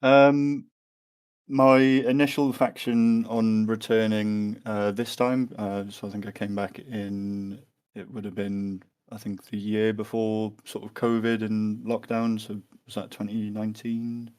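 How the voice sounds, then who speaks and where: A man's voice: on the low side, flat delivery, unhurried, a little mellow, smooth. A man answering interview questions in a hesitant way, with many fillers and restarts. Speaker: guest.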